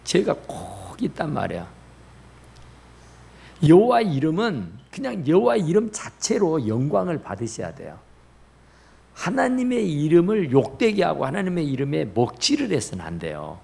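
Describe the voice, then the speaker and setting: A man's voice: on the high side, huge pitch swings, normal speed, vocal fry, darkish tone, slightly rough. A man preaching a sermon as pastor in a church, rising in bursts and dropping to near whispers. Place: church sanctuary.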